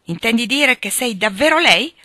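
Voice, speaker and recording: A woman's voice: medium pitch, moderate pace, sharp tone, no room sound, studio quality. A woman reading aloud, voicing a feverish, delirious dying man who pleads and rails in agitation. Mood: startled, agitated.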